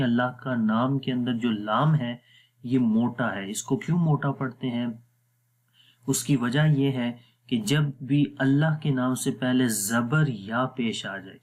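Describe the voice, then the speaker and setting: Unhurried male Quran tutor with a Pakistani Urdu accent, mid-pitched, patient and methodical, stretching words to show the rules. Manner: patient, repeats words slowly to demonstrate. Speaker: Quran recitation teacher. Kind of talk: slow explanatory lesson.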